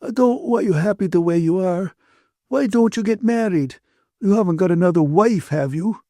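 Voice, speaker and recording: A man's voice: fairly high pitch, normal speed, dark tone, no room sound, studio quality, voice pushed up, natural voice. A man voicing a bitter, tearful woman in an audiobook, indignant, accusing and wounded. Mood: sobbing, upset. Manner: accusing, emphatic, aggrieved.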